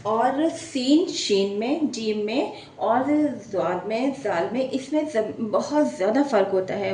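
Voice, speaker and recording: A woman teaching Urdu pronunciation, her voice mellow and a little high. She sounds set back from the mic in a very echoey room with faint hiss behind her. She contrasts right and wrong word forms and keeps checking in. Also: recorded from a distance. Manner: corrects word pairs, repeats "theek hai". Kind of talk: pronunciation lesson.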